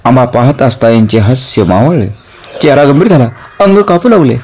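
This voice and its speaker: A man's voice: mid-range voice, very animated, normal speed, a little mellow. A man narrating a historical story dramatically, lifting his voice at tense moments. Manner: dramatic, rising with tension, reverent at the close.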